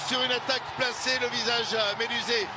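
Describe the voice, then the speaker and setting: A man giving excited live football commentary as match commentator, shouting out players and goals and repeating phrases over a roaring crowd. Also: extremely high pitch, fairly quick. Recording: loud crowd noise, stadium match broadcast.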